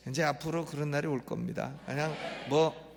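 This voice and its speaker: Emphatic preacher in a gravelly voice. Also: male voice, a little high, fairly even intonation, fairly quick, a little hiss or hum. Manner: emphatic, repeats phrases, prompts the congregation with "eh?". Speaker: pastor. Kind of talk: expository sermon. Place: church sanctuary. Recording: long church reverb.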